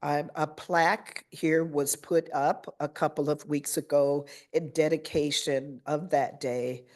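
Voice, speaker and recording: A woman principal presenting her school's news at a school board meeting, pausing often with fillers and a little nervous. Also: steady tone, darkish tone. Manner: halting with fillers, voices children's chants in a high pitch.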